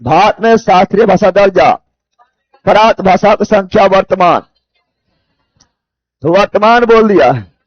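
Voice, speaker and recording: Here a Bihari-accented teacher from Bihar leads a live competitive-exam GK class, his high voice unhurried and broken by frequent pauses. He keeps repeating the key phrases and tossing rhetorical questions to check his students. The sound is lo-fi with no room sound.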